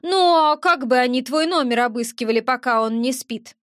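A cheeky, sulky little winged creature who snaps in rustic slang, performed by a woman reading a fantasy audiobook. The voice sits high and squeaky, and the recording is close and dry. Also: normal speed, fairly bright tone, no echo. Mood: grumbling. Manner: rude, rustic slangy grumbling. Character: grumpy little eared winged male sprite.

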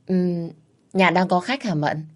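A woman playing a dutiful young daughter in an audio story, low-pitched and polite, answering with quiet deference. Little is put on beyond the narrator's own voice. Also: lively intonation, a little slow.

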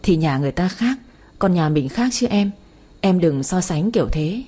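A devoted young wife, gentle and trusting, speaks softly to her husband, as a woman reads her part. The voice is low, husky and mellow. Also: expressive, moderate pace. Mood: pleading. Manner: gentle, pleading.

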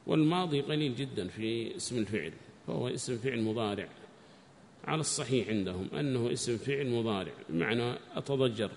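Man, teacher, grammar lesson, louder when quoting texts, long reverb, faint hiss. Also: lively intonation, fast talker. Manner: raises pitch and volume to read quoted text, drops to explain. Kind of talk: classical Arabic grammar and Quran recitation lesson. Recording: reverberant room with faint background noise.

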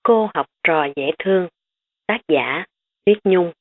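A woman reading a novel aloud as an audiobook narrator with lively storytelling. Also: on the low side, slow pace. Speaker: audiobook reader. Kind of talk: scripted narration. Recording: tinny phone-like audio.

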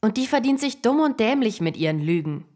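An actress playing Harry's indignant, sharp-tongued wife Ginny in a radio play. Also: female voice, fairly high pitch, sing-song, brisk.

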